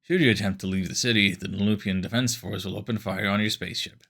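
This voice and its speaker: A man's voice: fairly low pitch, fairly even intonation, fast, fairly bright tone, breathy edge, voice pushed down. A man voicing a stern male police chief with a curt, accusing manner.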